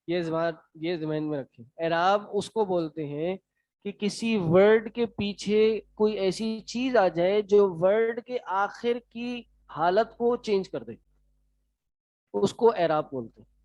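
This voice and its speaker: High-voiced man teaching a class. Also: darkish tone, no echo. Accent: Pakistani Urdu. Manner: quizzing students, brisk and encouraging. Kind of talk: classroom lecture. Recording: dry, slightly dull sound.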